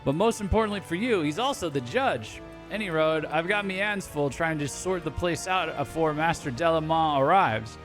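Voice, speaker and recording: A gruff, harried cook growls through rough pirate dialect in this game scene, as a man puts him on. He drops his words and sounds a touch high. Faint music plays underneath. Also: expressive, normal speed, few pauses, lightly acted. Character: gruff male pirate-talking cook, busy.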